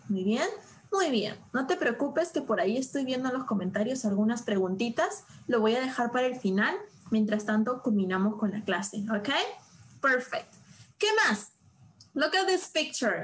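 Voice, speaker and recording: Woman teacher for an online lesson, a little high-pitched, slow and deliberate, playful and expressive, models each sentence carefully. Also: rough recording. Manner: slow, drawn-out modeling of example sentences, asks students questions. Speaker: English teacher. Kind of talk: live online English lesson.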